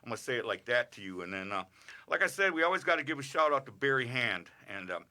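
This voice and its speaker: A middle-aged man on a radio show, rambling casually through birthday shout-outs with lots of filler sounds. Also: mid-range voice, big pitch swings, fast. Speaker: regular radio segment host. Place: radio studio.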